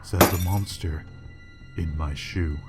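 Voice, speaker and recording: A man reading a horror story aloud in a measured, grim way. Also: sits low, loud music behind the voice. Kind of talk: scripted horror narration.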